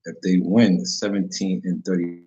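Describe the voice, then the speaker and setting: Deep-voiced man, casual sports betting host, slangy, rambling, self-correcting, muffled lo-fi sound. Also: level tone, moderate pace, mellow. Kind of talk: casual solo sports talk, reading chat. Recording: dull lo-fi recording.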